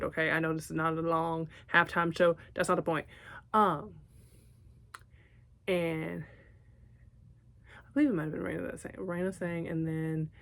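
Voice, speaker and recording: A young woman from Texas with a Southern accent, chatting to camera in a lively vlog with many asides. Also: low-pitched, creaky. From Texas, United States. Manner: chatty and animated, with asides and laughs. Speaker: vlogger. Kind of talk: casual chat to camera.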